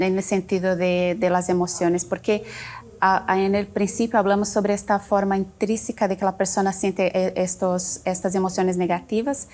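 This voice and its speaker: A woman hosting a talk show, asking her guests questions and leading into and out of a break. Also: mid-range voice. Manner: steady listener, frequent affirming murmurs.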